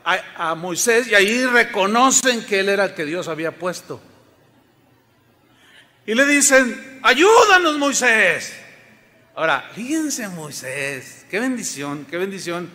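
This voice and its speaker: A man's voice: sits high, pushed and bright. A man preaching a sermon to his congregation, emphatic and often asking them questions. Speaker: pastor. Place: church sanctuary. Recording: long reverb of a large hall.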